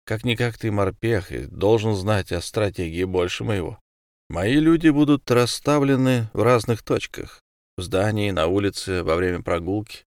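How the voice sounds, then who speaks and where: A man's voice: lowish voice, moderate pace, no echo, clean studio sound, close to an everyday voice. A man voicing a cold, calculating prison gang boss who speaks in terse commands. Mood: commanding.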